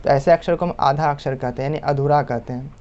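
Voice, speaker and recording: Man, teacher, patient explaining, slightly high voice, muffled sound. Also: steady tone, darkish tone. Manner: patient, repeats points and checks in with "है ना"; draws out example sounds slowly. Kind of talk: explanatory lesson. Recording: muffled lo-fi recording.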